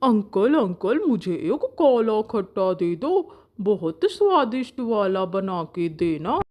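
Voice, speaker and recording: A woman's voice: mid-range voice, sing-song, takes it slowly, a little mellow. A woman voicing a greedy, spoiled young boy crow in a cartoon, whiny and demanding. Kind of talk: cartoon voice acting.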